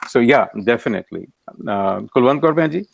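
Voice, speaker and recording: A man's voice: medium pitch, expressive, a little fast, gravelly, dry recording. A man moderating an informal scripture discussion, explaining his points reflectively with restarts.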